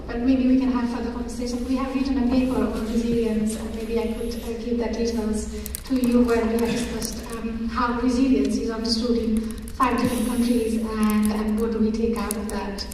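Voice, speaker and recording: A woman from Nepal speaking as a panelist in an academic discussion, thoughtful and pausing with fillers. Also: fairly high pitch, flat delivery, a little mellow. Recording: echoey hall, distant mic, faint noise.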